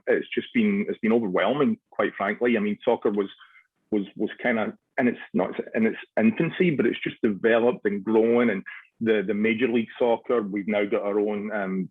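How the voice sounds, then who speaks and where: A man's voice: on the low side, husky, dry recording, phone-quality sound. A Scottish man in his forties, a soccer club director, answering radio interview questions with many restarts and fillers. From Scotland.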